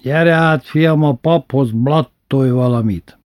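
A man's voice: mid-range voice, a little mellow, no echo, studio quality, pitched above the performer's own voice, lightly acted. A man voicing a stout, flashy older bandleader who talks brusquely and curses.

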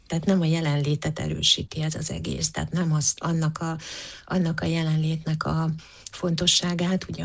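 A woman's voice: low-pitched, gravelly. A woman answering interview questions as a psychologist, thoughtful, with frequent hesitations and restarts. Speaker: psychologist guest.

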